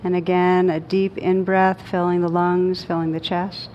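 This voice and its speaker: Slow, calm and soothing, with long pauses between phrases, a female teacher guides a meditation for a group in a room. It's a dull, lo-fi recording with rumbling noise.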